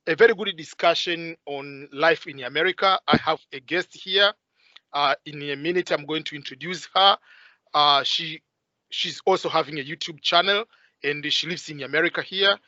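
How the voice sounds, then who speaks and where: A man's voice: a little high, moderate pace, sharp tone, no echo, dull audio. A man hosting an interview over a video call, talking with many hesitant "uh" fillers. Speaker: host.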